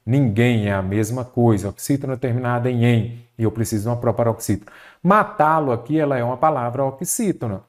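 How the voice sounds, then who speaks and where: Male grammar teacher, exam-prep lesson, questions then answers himself, lifts his pitch on key words. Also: fairly quick. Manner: didactic, asks questions and answers them himself. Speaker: Portuguese language teacher.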